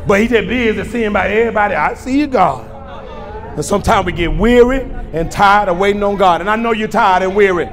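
A male pastor preaching a sermon with call-and-response, swinging from shouts to hushed lines. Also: sits high, a little fast. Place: church sanctuary.

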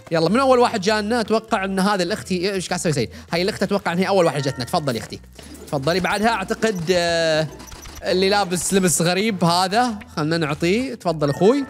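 A young man talks quickly and casually over his game, joking with the customers as he plays. His voice sits at a middle pitch and runs at a brisk pace. Faint game music plays underneath. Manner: fast, chatty, jokes with the game's customers. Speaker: gaming YouTuber. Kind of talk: casual let's-play commentary.

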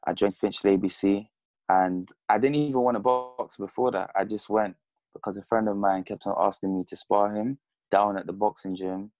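A boxer in his twenties with roots in Congo, Zambia and the UK chats casually as a guest in a video-call interview, speaking French through earphones from a plain room at home. His voice is fairly low and a little mellow, with fairly even intonation and a normal pace. The recording is dry, with soft music in the background.

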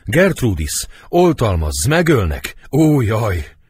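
A man's voice: on the low side, expressive, husky, no echo, pitched above the performer's own voice. A man voicing a cowardly, panicked prince in a dramatic audiobook reading, wailing and cursing.

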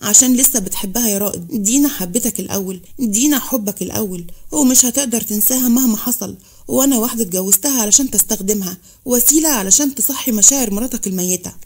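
A woman's voice: on the high side, quick pace, slightly rough. A woman playing a wounded, dignified second wife. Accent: Egyptian Arabic. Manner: calm, reproachful.

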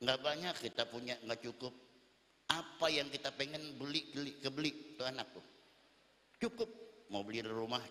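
A man's voice: medium pitch, bright, forceful tone, slight background noise. A man preaching a sermon at a religious gathering, teasing the crowd with questions. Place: large hall at a religious gathering. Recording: echoey hall.

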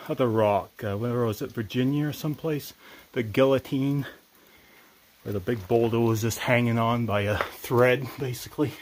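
A man's voice: mid-range voice, slight background noise, low-quality recording. An older man vlogging while climbing a wet mountain trail, talking in a laid-back, wry way and chuckling to himself, with the camera held at arm's length. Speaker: thru-hiker vlogger. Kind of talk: casual trail vlog. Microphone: handheld camera at arm's length.

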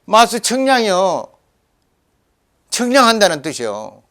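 An older man lecturing forcefully in a Jeolla dialect, scolding and rambling. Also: sits high, wildly swooping pitch, unhurried. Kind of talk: animated lecture.

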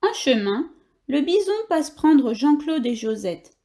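Female reader, high voice, lively picture-book storytelling. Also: a little slow. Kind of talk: reading a picture book aloud.

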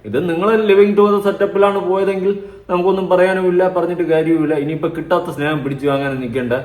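A man with a fairly high voice delivers a reaction commentary. He keeps a sarcastic, mocking, lecturing tone throughout. His voice rings with a roomy echo. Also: fairly even intonation, fast talker, darkish tone. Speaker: vlog host reacting to clips.

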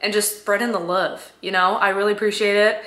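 A woman's voice: mid-range voice, little pitch movement, a little fast, a bit bright. A woman in her twenties chatting casually to camera in a slangy, dryly joking way, her voice cracking from a sore throat. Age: 20s. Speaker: vlogger. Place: living room at home. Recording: roomy indoor echo.

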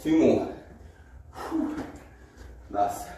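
A man's voice: drawn-out words, mellow. A young man coaching a workout while out of breath, urging people on like a motivational gym bro. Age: young adult. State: out of breath from exercise. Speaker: fitness trainer. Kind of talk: workout coaching, counting reps. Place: small indoor garage gym. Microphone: camera several metres away. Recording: echoey garage gym, distant mic, slight noise.

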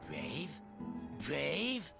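An actor voicing a rude, pompous male hermit crab in a video game, with a gravelly voice. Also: a little high, huge pitch swings, very slow, over loud music, heavily acted. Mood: blustering.

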